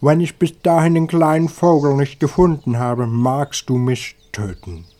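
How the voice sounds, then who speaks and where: Frightened hawk pleading for his life, pitched way up, as a man reads a storybook. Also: a little slow, warm tone, natural voice. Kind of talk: storybook reading.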